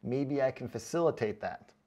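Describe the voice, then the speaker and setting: In a dark-toned, medium-pitched voice at normal speed, a man who reviews boots online rants through viewer comments. He's casual and comedic, mocking and sarcastic, swears freely and hits his words with emphasis.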